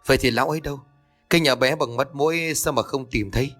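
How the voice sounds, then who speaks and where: A man's voice: medium pitch, fast talker, fairly bright tone, faint music behind, natural voice. Man voicing a jittery young village lad. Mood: anxious. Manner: anxious, questioning.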